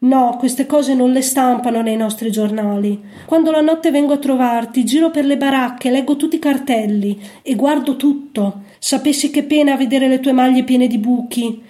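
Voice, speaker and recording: A woman's voice: high voice, normal speed, hardly any pauses, mellow, lightly acted. A woman voicing a worried, tender old grandmother in a storybook reading.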